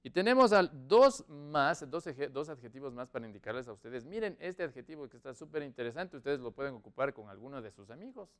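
A man teaching English to Spanish-speaking learners in an online lesson. He drills words and model sentences, saying them slowly and repeating them between quicker explanations. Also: medium pitch, big pitch swings, clean tone.

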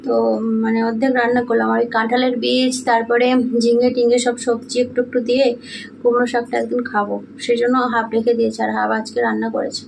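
A young woman from Medinipur chatting softly in a casual home vlog, sleepy and sweaty in the heat. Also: fairly high pitch, flat delivery, fast, gravelly, background noise. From Medinipur, West Bengal, India. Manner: soft, hushed talk so a sleeping child stays asleep. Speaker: vlogger, housewife and mother. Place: small home indoors. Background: background music.

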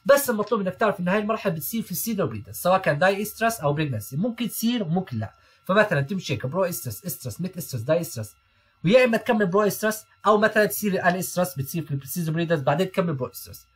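Over slides in a recorded lecture, a young man with a high, breathy-edged voice tutors veterinary students in Arabic, mixing in English medical terms. He repeats key terms and checks in with them often.

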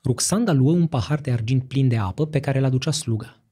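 Male audiobook narrator, dramatic storytelling, dark mellow tone, husky voice. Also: medium pitch. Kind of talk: scripted literary narration.

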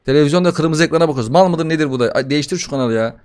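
A young man doing casual gaming commentary, excitable and profane, bantering with the game as he plays a horror title. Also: fairly high pitch, very fast. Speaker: gaming YouTuber.

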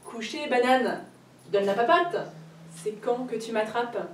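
A woman's voice: on the high side, unhurried, background noise, lightly acted. A woman voicing a cheeky little boy rabbit in a storybook tale, taunting in a playful way. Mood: mocking. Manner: mocking taunts. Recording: roomy library heard from a distance.

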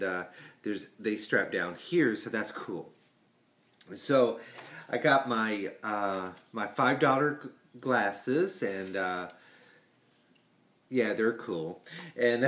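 Guy in his 40s rambling slow at his webcam, lowish voice, lots of uhs. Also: fairly bright tone. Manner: rambling, many fillers and restarts. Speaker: vlogger. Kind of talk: casual chat. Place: home living room, indoors. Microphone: webcam at desk.

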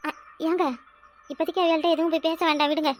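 A fretful, complaining cartoon village wife, voiced by a woman. Her voice is extremely high and fast, with a southern Tamil Kanyakumari accent. She laments and grumbles as she talks. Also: little pitch movement. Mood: lamenting. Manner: complaining, lamenting, exclaims to herself. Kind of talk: cartoon voice acting.

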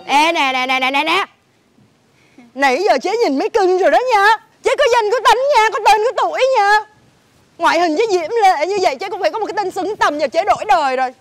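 A woman playing a bossy, flamboyant female manager in a comedy sketch, loud and exclaiming. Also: extremely high pitch, brisk. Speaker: comic actor in a stage sketch. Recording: stage show with music and audience noise.

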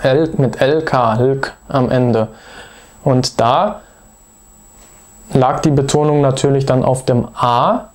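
A man giving a patient, methodical video lesson, pausing often with hesitation fillers as he explains grammar. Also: medium pitch. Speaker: language teacher.

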